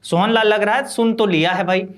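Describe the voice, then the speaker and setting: A man teaching, who reads English lines slowly and then explains them in Hindi, often adding "है ना" and fillers. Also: sits high, steady tone. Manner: keeps adding the tag "है ना" and fillers. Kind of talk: line-by-line lesson explanation.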